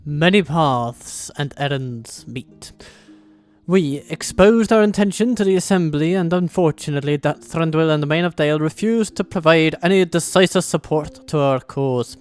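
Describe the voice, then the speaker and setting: A proud dwarf herald with a put-on Scottish brogue, voiced by a man, reads the quest in a grand, old-fashioned tone. His pitch sits somewhat high, and faint music plays underneath. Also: moderate pace, smooth, lightly acted. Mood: solemn. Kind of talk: dramatic reading of game briefing text.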